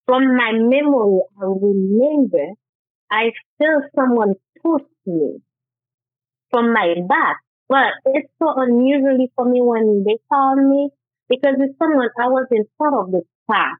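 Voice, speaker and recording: Over a tinny, phone-like line with no room sound, an earnest woman speaks as a guest author in an interview, sharing personal testimony. A native Haitian Creole speaker with a fairly high voice, she halts and restarts as she goes.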